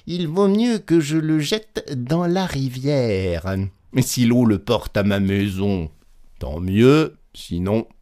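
A man's voice: mid-range voice, darkish tone. Man putting on a crafty little peasant, sing-song, pleased with himself. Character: sly cheerful young peasant trickster.

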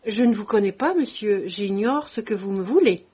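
A woman voicing a composed, stern but kindly male army commandant who tells his story in a measured way, on a dull lo-fi recording. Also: medium pitch, lively intonation, husky.

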